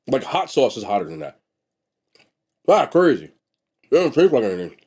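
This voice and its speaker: A young food vlogger does a casual mukbang review on camera, his voice nasal and sniffly from a blocked nose. It's mid-range, sing-song and darkish with a breathy edge at normal speed, and he talks bluntly and chattily, trailing off and restarting.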